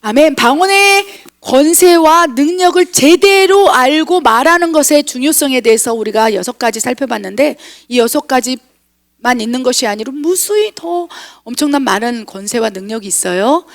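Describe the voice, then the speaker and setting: A woman missionary pastor preaching an impassioned sermon, rising to exclaimed scripture and dropping to quiet asides. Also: fairly high pitch, lively intonation, moderate pace, gravelly. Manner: calls herself tone-deaf.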